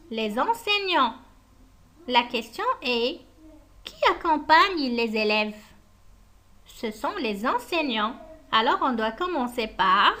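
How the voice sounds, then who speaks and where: A woman teaching a French lesson to young pupils, dictating words deliberately and asking questions that she answers herself. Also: high voice, pushed and bright. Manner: slow, deliberate, dictation-like delivery; asks questions then answers them herself. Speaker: primary school French teacher.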